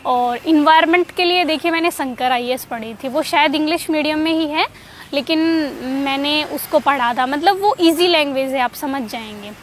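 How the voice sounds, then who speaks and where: High-voiced woman giving casual study advice. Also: moderate pace, slight background noise. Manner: conversational, many fillers and restarts.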